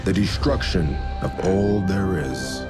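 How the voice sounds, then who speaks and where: A man narrating a movie trailer solemnly over loud music. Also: low voice, slow.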